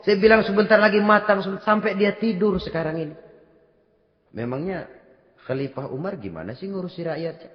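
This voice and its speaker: A man acting out a poor mother whose soft, weary voice pleads with a stranger. His delivery is a little low for her part and carries a long echo across a large hall. The recording itself sounds dull and lo-fi. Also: brisk, natural voice. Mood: pleading.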